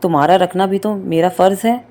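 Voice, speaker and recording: A woman voicing a kind, soft-spoken older father-in-law in a read-aloud story. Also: medium pitch, fairly quick, lightly acted. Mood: affectionate. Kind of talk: storybook reading.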